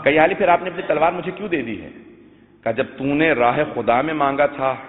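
Impassioned male preacher, tinny echoing hall. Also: on the high side. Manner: swells into loud sung recitation of verses; addresses listeners as dear ones, tells stories. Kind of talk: Shia majlis sermon with sung poetry. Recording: tinny phone-like sound with long hall echo.

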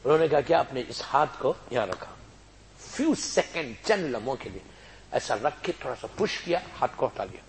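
A man preaching a sermon, telling a religious story that swings between soft, hushed narration and loud, raised exhortation. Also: medium pitch, animated, slight background noise.

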